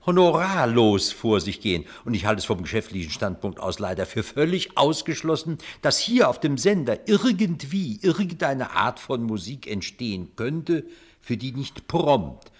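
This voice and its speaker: An actor playing a sober business manager in a vintage radio play, calmly reasoning and trying to soothe. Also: male voice, medium pitch, normal speed. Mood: reasoning, soothing. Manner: reasonable, placating, dry logic.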